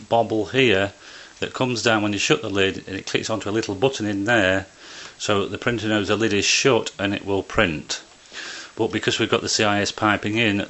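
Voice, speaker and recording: Standing by a printer indoors, a man explains practical tasks one step at a time for a casual tutorial video. He talks plainly, in a voice on the low side with a sharp tone.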